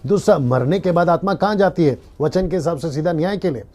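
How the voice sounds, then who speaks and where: Pastor, male, mellow dark tone, live-stream sermon, earnest teacher. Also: on the high side, fairly quick. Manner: earnest teaching, repeats key lines, quotes scripture.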